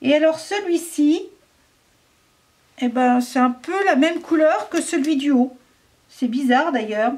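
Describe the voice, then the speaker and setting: A woman's voice: sits high, unhurried, pauses often, a little mellow. A French woman casually reviewing craft markers, chatty and hesitant, thinking aloud with many fillers.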